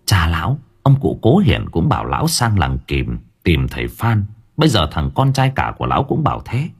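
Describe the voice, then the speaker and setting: A man narrating a ghost story in an expressive, dramatic way. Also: low voice, moderate pace, creaky, slightly rough, soft background music. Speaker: audiobook narrator.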